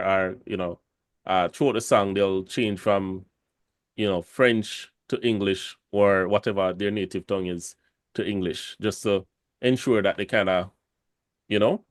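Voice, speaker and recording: A man's voice: on the low side, no room sound, studio quality. A Jamaican man talking casually on a podcast, rambling with many fillers and restarts. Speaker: podcast host.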